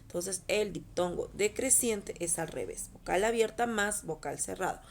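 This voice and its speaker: A Peruvian woman teacher patiently explains a lesson over slides in a recorded online class for schoolchildren, often checking in with short questions. Her voice is medium-pitched and creaky, with lively intonation and a moderate pace, over slight background noise.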